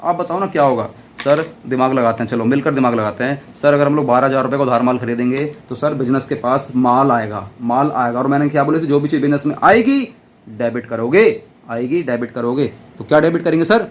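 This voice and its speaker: A man teaching an accounts class, loud and playful, often answering his own questions in a student's voice. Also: mid-range voice, fairly quick, slight background noise. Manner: loud, almost shouting while teaching. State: dry throat. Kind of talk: classroom lecture.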